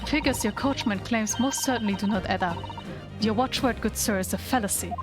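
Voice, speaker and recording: A woman voicing an earnest, insistent male defence lawyer from a video game in a formal, deliberate way. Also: medium pitch, natural voice. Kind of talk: amateur voice acting of game dialogue. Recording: game music behind the voice.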